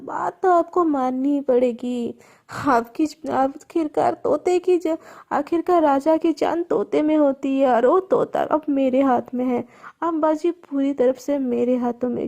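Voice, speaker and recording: A woman's voice: high-pitched, measured pace, gravelly, warm tone. A woman voicing a scheming middle-aged father who taunts and mocks his captives. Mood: gloating. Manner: taunting, mocking.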